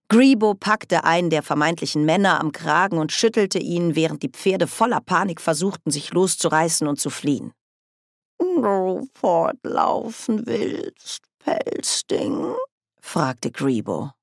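A woman narrating an audiobook in a measured, even storytelling manner on a close mic. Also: sits low, no room sound. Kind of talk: scripted narration.

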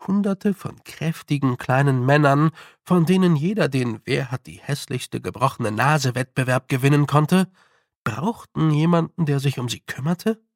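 A man reading an audiobook in a measured, deliberate way. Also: medium pitch, no echo, clean studio sound. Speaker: narrator. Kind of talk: audiobook narration.

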